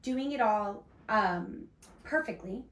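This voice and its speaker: A woman's voice: mid-range voice, animated, slow pace, a bit bright. A woman hosting a podcast, explaining her faith-based ideas earnestly, with frequent restarts and fillers. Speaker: podcast host. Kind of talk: casual faith-based discussion. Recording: echoey room, mic at a distance.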